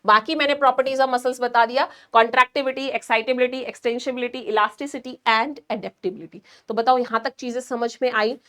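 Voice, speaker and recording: Nursing tutor, woman, high voice, explains step by step while demonstrating. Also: fairly even intonation, fairly bright tone. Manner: asks the class questions, then answers them herself; explains slowly with hand demonstrations. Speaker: nursing exam teacher. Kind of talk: online class lecture.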